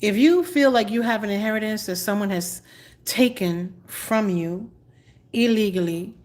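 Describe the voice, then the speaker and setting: A woman's voice: medium pitch, normal speed, a little mellow. A woman tarot reader on a live stream, answering viewers bluntly but apologetically and repeating her advice.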